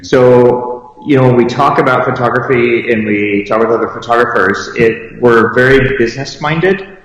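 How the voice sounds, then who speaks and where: A man's voice: medium pitch, moderate pace, lo-fi sound. A man, a photographer and business owner, speaks earnestly on a video-call interview from a conference room so echoey he sounds like he is in a cave. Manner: earnest, thinking aloud with fillers. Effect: cave-like echo of a large empty conference room. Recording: cavernous echo, long hall reverb.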